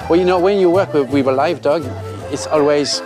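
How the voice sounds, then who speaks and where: A man's voice: fairly high pitch, brisk. A man in his sixties with a French accent, performing a playful stage act in broken English. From France. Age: 60s. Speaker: talent show contestant. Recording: live theater with loud crowd and music.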